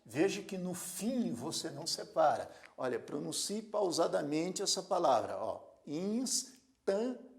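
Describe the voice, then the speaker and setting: Male grammar teacher, lively pitch, gravelly tone, deliberate classroom delivery. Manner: slow, deliberate, repeats words syllable by syllable; asks rhetorical questions to the learner. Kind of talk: classroom lecture.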